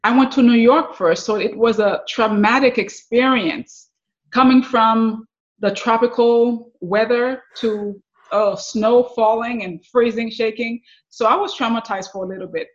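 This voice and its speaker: A woman from Haiti, a success coach, telling her life story as a guest in an interview, laughing often and pausing with fillers. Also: a little high, fairly even intonation, lo-fi sound. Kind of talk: interview conversation.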